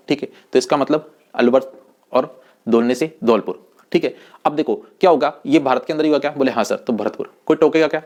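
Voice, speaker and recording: A man teaching an exam-prep lesson, who keeps asking his students questions and answers for them in a lower voice, repeating himself and calling them his children. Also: a little mellow. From India. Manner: repetitive, coaxing, calls students "my children".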